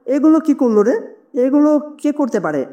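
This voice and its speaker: A storyteller voicing a worried, superstitious old village farmer who is the hero's father, in a higher, louder voice. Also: a little fast, highs cut off, lightly acted. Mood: surprised.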